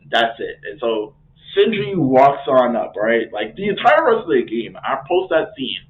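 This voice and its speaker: A man recapping a video game in loose, slangy talk, often stopping to correct himself. His pitch bounces around a lot as he tells the story. The audio is thin and phone-like. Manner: rambling, self-correcting, slangy. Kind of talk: casual spoken game recap. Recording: tinny phone-like sound.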